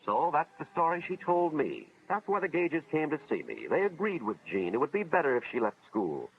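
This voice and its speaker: Earnest 1950s educational film narrator, American man, expressive. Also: on the high side, brisk, husky, heavily acted. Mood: earnest, dramatic. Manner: earnest, dramatic, moralizing storytelling. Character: earnest school official narrating a cautionary tale. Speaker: narrator, a school official telling a story. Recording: dull vintage film soundtrack, music behind.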